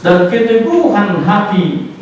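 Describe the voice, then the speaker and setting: A man preaching a sermon, rising in emphasis and slowing down on key words, sometimes slipping in English phrases. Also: high-pitched, sing-song, darkish tone, very echoey, recorded from a distance, highs cut off, a little hiss or hum. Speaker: pastor. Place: church sanctuary.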